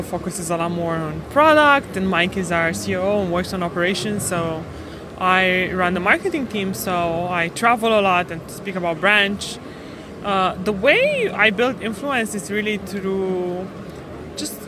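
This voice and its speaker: A woman in her thirties from Romania, a startup co-founder explaining her work in a matter-of-fact way as a podcast guest. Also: mid-range voice. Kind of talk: podcast interview. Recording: noisy street ambience behind.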